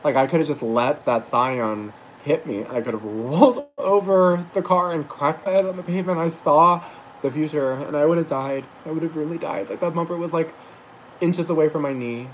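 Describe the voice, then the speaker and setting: A man's voice: fairly high pitch, moderate pace, a little hiss or hum, low-quality recording. Rambling young man talking to camera. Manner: rambling, chatty, full of fillers and asides. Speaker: aspiring actor and rideshare driver vlogging. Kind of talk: casual vlog monologue.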